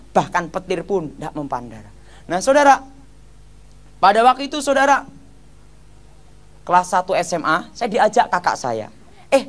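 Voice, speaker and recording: Animated Javanese-accented Indonesian preacher. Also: male voice, on the high side. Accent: Javanese-tinged Indonesian. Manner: animated storyteller, acts out voices, shouts quoted lines. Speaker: preacher giving testimony. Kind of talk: testimony sermon.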